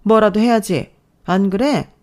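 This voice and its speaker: A woman's voice: mid-range voice, measured pace, darkish tone, natural voice. A woman voicing a snobbish, scornful older mother-in-law who scolds and belittles. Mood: scornful scolding. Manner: contemptuous, scolding.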